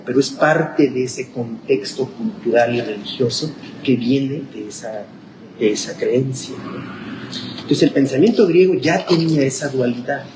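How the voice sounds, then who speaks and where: A man, a pastor teaching a Bible class in a conversational lecture style, thinking aloud and checking in with his listeners. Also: medium pitch. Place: church classroom. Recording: echoey room with clear background noise.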